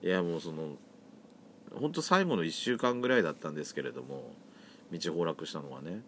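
Solo podcast host, man, Yamagata accent, lowish voice with a lively, swooping delivery and campy chatter. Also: brisk, a little hiss or hum. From Yamagata, Japan. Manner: chatty, campy feminine phrasing. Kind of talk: solo casual chat.

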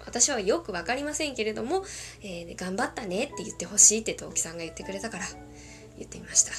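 A woman chatting on her podcast, her pitch jumping around with a lively, bouncy intonation. She is playful and a little self-conscious, giggling between listener requests as soft music plays underneath. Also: quick pace. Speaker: podcast host. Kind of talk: casual talk reading listener requests. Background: faint background music.

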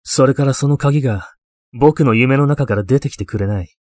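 Man reading as an eccentric deadpan occult mentor. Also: medium pitch, normal speed, no room sound, natural voice. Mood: wistful, matter-of-fact. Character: eccentric, obsessive male occult-loving mentor, deadpan and wistful. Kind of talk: ghost story reading.

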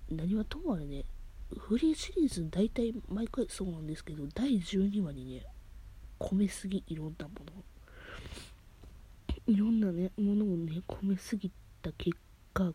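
A woman with a Kansai accent, talking softly in a whisper at home late at night, rambling as an emotional fan after crying. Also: medium pitch, husky. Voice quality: soft, whispery. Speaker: podcast host. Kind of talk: casual late-night monologue.

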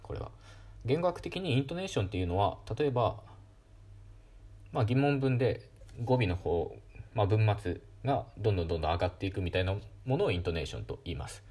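A man hosting a solo educational talk show, explaining calmly with many fillers. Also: on the low side, quick pace. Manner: calm, explanatory, with frequent fillers. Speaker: podcast host.

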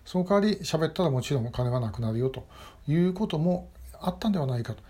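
Man giving hesitant spoken commentary, dark voice. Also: a little high, expressive, slightly rough. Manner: measured, with frequent hesitation fillers. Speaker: host of a short message broadcast. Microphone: phone or webcam video selfie.

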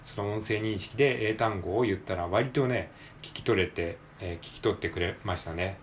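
Man, lower register, casual self-study drill, repeats words slowly with fillers. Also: a little hiss or hum. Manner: thinks aloud with many fillers. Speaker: English learner practicing pronunciation. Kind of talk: casual solo reading-aloud practice.

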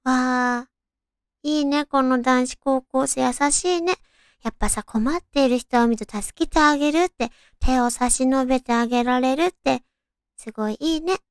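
A woman's voice: sits high, moderate pace, clear, resonant tone, no echo, clean studio sound. A woman hosting a casual solo radio show, with a naturally cute, girlish anime-like voice and a chatty way of talking. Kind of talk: casual solo radio talk with read-out listener stories.

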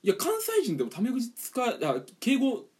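A man's voice: very high-pitched, moderate pace. A man from eastern Japan co-hosting a casual chat show, telling a story with lots of energy and acting out other people. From Kanto region of Japan. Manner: animated ranting storyteller, acts out customers. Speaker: podcast co-host.

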